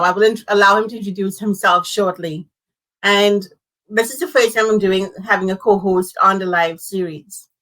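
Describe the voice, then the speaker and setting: A woman hosts a live-streamed career talk, her voice bright and forceful. She talks in an animated, conversational way and leans on key words. She comes through as if on a video call. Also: mid-range voice, poor audio. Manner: animated, conversational, speaks with emphasis. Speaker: host.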